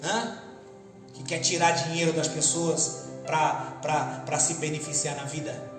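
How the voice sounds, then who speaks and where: A Brazilian pastor with a high voice preaches to his congregation, calling for answers and acting out voices. He sounds roomy, as if in a church hall with a long ringing reverb. Music plays clearly behind him. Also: level tone, a little slow. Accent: Brazilian Portuguese. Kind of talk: Pentecostal sermon.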